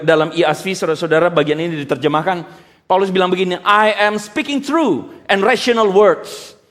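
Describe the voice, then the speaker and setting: A man preaching as a pastor, animated, asking his listeners questions and acting out the people he quotes. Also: sits high, in a large hall. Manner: animated, acts out quotes in voices; addresses listeners directly, asks questions. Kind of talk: preaching to a congregation.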